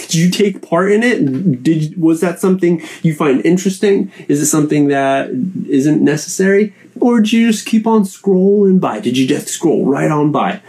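A man hosting a solo chat show, rambling and casual, repeating words as he goes and swinging his pitch up and down. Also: a little mellow. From Canada. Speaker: podcast host.

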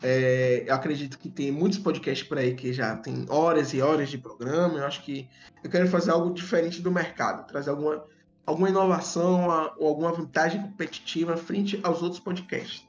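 A man's voice: on the high side, fairly even intonation, fairly quick. A man hosting a casual podcast with a tongue-tied, slushy lisp, stumbling over and repeating words in a self-deprecating way. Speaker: podcast host. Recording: dull lo-fi audio, background music.

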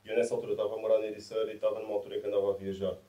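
Being interviewed, a twenty-something Lisbon musician and producer from Massamá talks in relaxed street slang with a deep, dark timbre. He speaks very fast in a monotone, in Lisbon Portuguese. The mic sits far off, leaving a roomy echo.

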